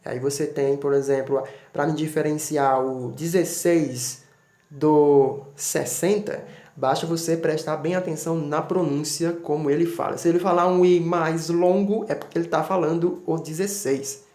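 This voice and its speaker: A man's voice: on the high side, steady tone, moderate pace, darkish tone. A man teaching English numbers to students, patiently spelling words out letter by letter and checking in with short tags. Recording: echoey room.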